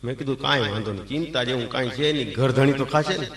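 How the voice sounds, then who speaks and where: A man with a Kathiyawadi Gujarati accent telling a comic story on stage in a folksy, deadpan way, acting out bits of dialogue. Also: mid-range voice, quick pace. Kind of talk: Gujarati folk comedy storytelling. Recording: echoey hall, mic at a distance. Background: audience laughter.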